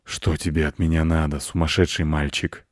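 A man doing a weary, low grumbling wolf. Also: level tone, moderate pace, no echo, clean studio sound. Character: gloomy, grumbling male wolf. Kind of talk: audiobook character voice.

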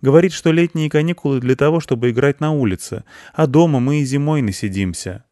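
A man's voice: medium pitch, brisk, warm tone, no room sound, studio quality, voice pushed up, lightly acted. A man voicing a mild, reasonable young schoolboy in a storybook. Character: shy, proud young schoolboy. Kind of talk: audiobook character voice.

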